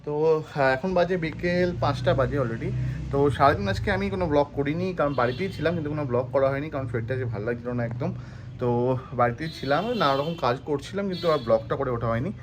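Fast-talking man vlogging at home. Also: a little high, noisy background. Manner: rambling, explains his plans step by step. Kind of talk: casual home vlog chat.

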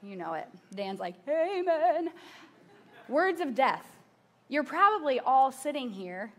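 A woman in her thirties preaches from a large church stage, her voice sitting a little high. She tells personal stories in a loose, conversational way, tossing asides to the congregation as she goes. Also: sing-song, slow pace, a bit bright. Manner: conversational storytelling with asides to the audience. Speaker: pastor. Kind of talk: sermon.

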